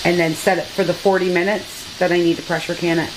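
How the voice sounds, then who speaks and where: Speaking fast in a lowish, level voice, a woman vlogger gives chatty step-by-step instructions from her home kitchen, addressing her audience as "guys." The electric glass-top stove area is noisy with steam and cooking sounds from a pressure canner.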